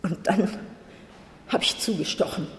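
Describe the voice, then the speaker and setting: A woman's voice: lowish voice, a little slow, fairly bright tone. Dramatic woman reader in a hall. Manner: intense, dramatic storytelling. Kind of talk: dramatic first-person story reading. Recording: roomy hall with long reverb.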